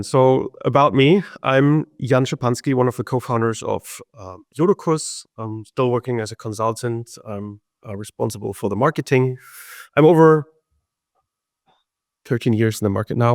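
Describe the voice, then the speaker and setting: A co-founder hosting an online webinar introduces himself and his company in a hesitant presentation full of ums and uhs. His voice is lowish and gravelly, captured in a dry, studio-quality recording.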